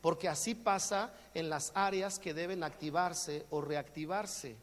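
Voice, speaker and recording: High-voiced Mexican pastor in a reverberant hall. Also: male voice, a little slow. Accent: Mexican Spanish. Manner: jokey, acts out everyday exchanges. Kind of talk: sermon.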